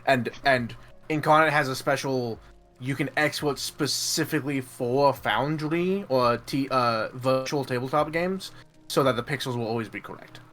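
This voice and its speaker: A man's voice: medium pitch, moderate pace, a bit bright, faint music behind. A man running a tabletop game as game master, talking loosely with many fillers.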